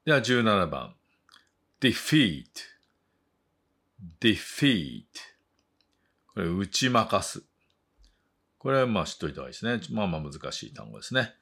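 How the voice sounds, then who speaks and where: A man teaching English vocabulary and pronunciation, saying each word slowly twice and chatting briskly in between. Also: lowish voice, big pitch swings, gravelly, sharp tone. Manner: slow drawn-out model words, then quick chatty asides.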